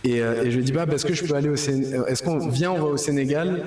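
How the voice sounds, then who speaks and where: A man's voice: mid-range voice, fast, a little mellow. Earnest rambling man in an echoey room. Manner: earnest, rambling with many restarts. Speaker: interview guest, singer. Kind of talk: casual interview talk.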